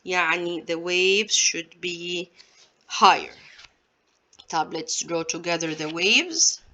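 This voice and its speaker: A woman explains exam questions at a very slow, deliberate pace. Her voice sits a little low. She teaches step by step and poses questions to her listeners before answering them herself. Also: pushed and bright, highs cut off. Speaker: science teacher. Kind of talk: exam walkthrough lesson.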